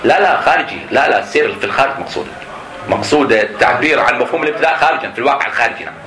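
A man's voice: medium pitch, animated, very fast, a crowd in the background, low-quality recording. A man lecturing a class, reading a text aloud and explaining it by asking and answering his own questions. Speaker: teacher of jurisprudence.

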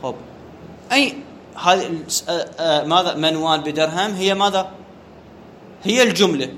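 In this Arabic grammar class, a male teacher talks at normal speed in a fairly high, fairly bright voice over slight background noise. He poses questions to the students, supplies the answers himself, and goes back over the important terms.

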